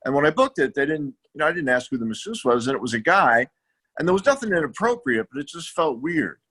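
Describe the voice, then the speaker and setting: Man, co-host, lively pitch, bright tone, self-deprecating, stammering chat. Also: fast talker, slightly rough. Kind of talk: casual comedy chat.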